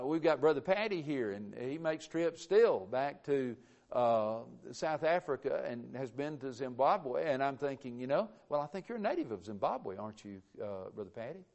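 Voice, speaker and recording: A man preaching a sermon, earnest and emphatic, with frequent halting restarts. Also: mid-range voice, lo-fi sound.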